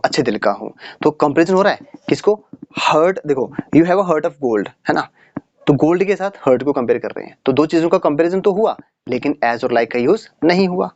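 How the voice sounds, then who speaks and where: A man teaching a casual English lesson, chatty and asking rhetorical questions, reading the English examples slowly. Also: medium pitch, darkish tone, dry recording. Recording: dry, slightly muffled audio.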